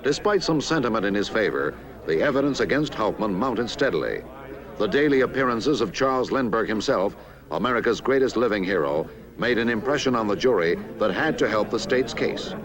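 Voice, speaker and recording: A man narrating a scripted historical newsreel documentary in a measured, authoritative way. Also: on the low side, expressive, a bit bright. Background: background music.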